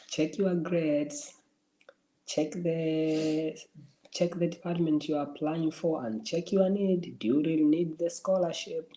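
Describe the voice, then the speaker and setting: This Somali man runs a relaxed livestream, offering viewers encouragement and frequently restarting or repeating what he says. He speaks in a mellow voice on the high side, captured with poor audio.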